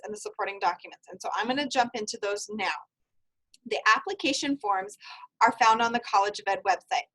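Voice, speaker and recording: A woman in her thirties leading an online seminar over a video call, giving brisk, friendly, step-by-step instructions. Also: on the high side, a bit bright, rough recording. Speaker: university field experience coordinator. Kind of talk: online seminar presentation with screen sharing.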